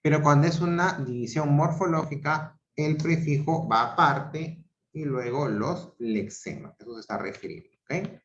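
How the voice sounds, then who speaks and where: A Peruvian man teaching an online grammar class. He talks slowly and deliberately, repeats each example syllable by syllable, and keeps checking in with "¿ok?" and "¿ya?". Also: a little high. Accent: Peruvian Spanish. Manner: checks understanding with frequent "¿ok?" and "¿ya?". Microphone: video call. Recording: roomy, dull video-call audio.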